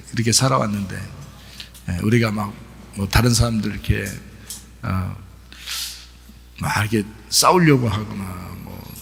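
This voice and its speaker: A middle-aged man preaching a sermon as pastor, talking in a relaxed conversational way with many fillers. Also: fairly low pitch, gravelly, a little hiss or hum. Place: church sanctuary. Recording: long church hall reverb.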